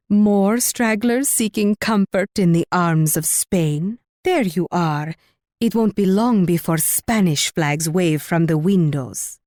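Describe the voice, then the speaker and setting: A woman's voice: lowish voice, a little mellow, no echo, clean studio sound. An actress playing a haughty, warlike Spanish queen in a video game, delivering imperious, mocking taunts with sweetly condescending menace. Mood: smug, teasing.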